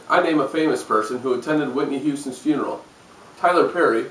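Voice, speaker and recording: A man's voice: a little high, a bit bright. A man delivering a scripted parody newscast as a mock-serious news anchor. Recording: roomy echo, distant mic.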